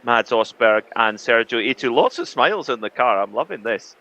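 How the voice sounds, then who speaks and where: A man's voice: mid-range voice, expressive, moderate pace, pushed and bright, poor audio. A man commentating live on a rally, talking in an easygoing, chatty way with filler words.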